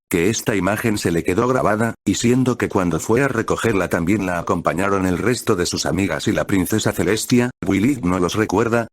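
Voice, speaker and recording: A man reading a fan fiction story aloud as narrator in a plain, steady storytelling manner. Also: on the low side, no room sound, studio quality.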